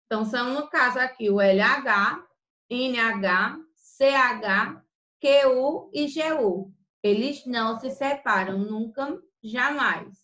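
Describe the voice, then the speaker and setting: A woman teacher giving a grammar lesson, spelling out sounds slowly and then explaining quickly. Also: fairly high pitch, sharp tone, reverberant, low-quality recording.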